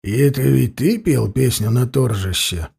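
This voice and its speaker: A man voicing a grim, menacing warrior who speaks quietly, evenly and without hurry. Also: medium pitch, creaky, slightly rough. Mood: cold. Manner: quiet, even and unhurried.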